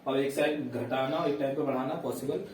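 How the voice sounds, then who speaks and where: A man's voice: medium pitch, steady tone, a little mellow, slight background noise. Man teaching grammar in an echoey room. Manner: explains step by step, checks in with students; dictates sentences slowly word by word. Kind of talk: classroom grammar lesson. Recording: echoey room, voice heard from a distance.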